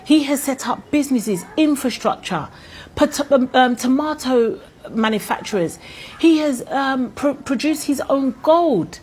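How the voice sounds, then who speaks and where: A woman's voice: sits high, animated, measured pace, a little mellow, slight background noise, poor audio. A Ghanaian woman vlogging fiery, indignant commentary, firing off rhetorical questions. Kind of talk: impassioned commentary to camera.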